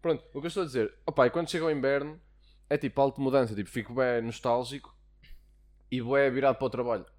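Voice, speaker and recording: Quick-talking young Portuguese man, slangy. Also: medium pitch, fairly even intonation. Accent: European Portuguese. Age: young adult. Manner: slangy, repeats words for emphasis. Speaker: podcast co-host. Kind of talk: casual podcast chat among friends.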